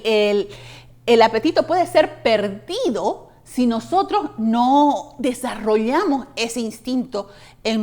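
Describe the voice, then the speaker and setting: A woman with a somewhat high voice co-teaching a church Bible study. She talks conversationally and keeps checking in with rhetorical questions. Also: a little mellow.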